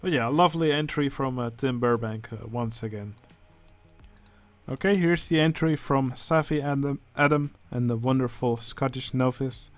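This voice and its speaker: A man with a Dutch accent, speaking English as a second language, who hosts a channel and comments casually on game contest entries, pausing often with filler sounds. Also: mid-range voice. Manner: hesitant, many filler sounds. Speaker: channel host judging a building contest.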